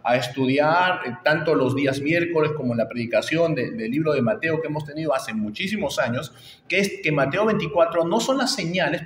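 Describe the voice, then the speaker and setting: A middle-aged pastor preaches with emphasis, circling back on his phrases to drive each point home. His voice sits a little high for a man. It rings through a church hall with a long, roomy echo. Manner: emphatic, repeats phrases and rises on key points. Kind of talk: expository sermon. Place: church sanctuary.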